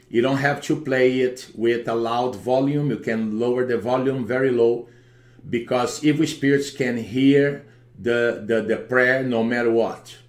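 A man's voice: mid-range voice, echoey room. A man, a minister, speaking in the solemn, emphatic, formulaic style of a spoken deliverance prayer and blessing.

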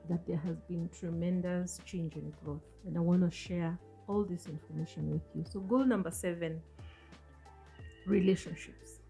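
Here a mellow, lowish female voice with vocal fry belongs to a woman in her forties from Africa whose first language is African, not English. As host of a motivational talk, she coaches earnestly and asks the listener questions. She's seated on a sofa in a small indoor room, addressing a studio mic on a stand placed in front of her.

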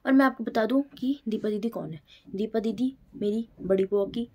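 Young woman vlogger, slightly high voice, chatty and teasing, casual home recording. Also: moderate pace, warm tone. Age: young adult. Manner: chatty, teasing, addresses viewers directly. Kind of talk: casual home vlog chat.

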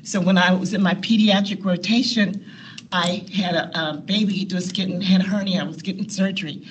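A woman with a lowish, fairly even voice talks fairly quickly over slight background noise. She's a nurse educator on a panel, seated at a long table in a meeting room, sharing personal stories, laughing often and acting out quotes.

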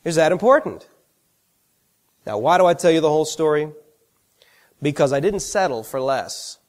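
A man preaching a sermon, telling personal stories with animated, self-deprecating humor. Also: on the high side, normal speed.

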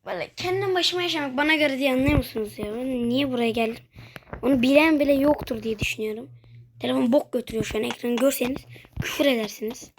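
A woman's voice: sits high, fast talker. A young woman streaming a horror game, chatting casually to viewers, swearing freely and bursting out in jumpy reactions. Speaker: gaming streamer. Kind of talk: casual let's-play commentary.

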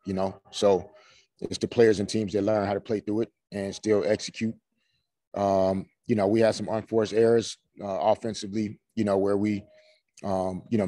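Coach, 40s, male: low, dark, steady delivery, dry webcam sound, filler-heavy. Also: dry recording. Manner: measured, many "you know" and "um" fillers. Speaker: head coach at a postgame press conference. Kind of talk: postgame press conference answers. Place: small room before a team logo backdrop. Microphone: video call webcam.

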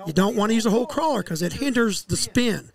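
A middle-aged man, a fishing guide, explaining his methods in a relaxed, casual interview outdoors on a headset mic, with fillers and restarts. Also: sits high, fast, gravelly. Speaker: walleye fishing guide, podcast guest. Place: outdoor deck by a lake.

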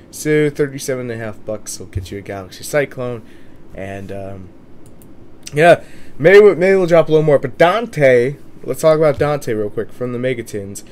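Man, sick with sore throat, informal host, casual commentary, medium pitch, faint noise. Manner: informal, mild swearing. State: under the weather with a sore, swollen throat. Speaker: host of a trading card price guide.

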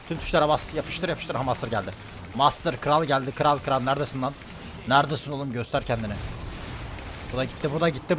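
A male streamer giving live, excitable commentary on his own gameplay, often shouting and repeating words in quick bursts. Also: medium pitch, slight background noise.

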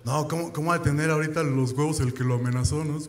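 A young Mexican man telling crude, deadpan stand-up jokes full of slang. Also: fairly high pitch, normal speed. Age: young adult. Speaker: stand-up comedian. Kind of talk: stand-up comedy set. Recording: echoey club with crowd noise.

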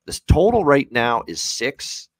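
Calling in by video from a small home room, a man in his thirties offers emphatic, unscripted sports betting analysis on a hockey preview show, repeating his points. He speaks slowly in a mid-range voice with wildly swooping pitch and vocal fry, and there is no room sound.

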